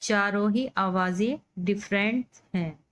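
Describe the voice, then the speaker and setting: A woman teaching letter sounds, slowly drawing out and repeating each sound. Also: medium pitch. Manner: drawn-out, demonstrating each sound by repetition. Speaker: Urdu pronunciation teacher. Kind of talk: slow spoken lesson on letter sounds.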